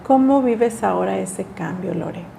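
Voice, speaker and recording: Woman interviewer, slow unhurried delivery, soft affirming listener. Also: mid-range voice, vocal fry, slight background noise. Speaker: interviewer, therapist.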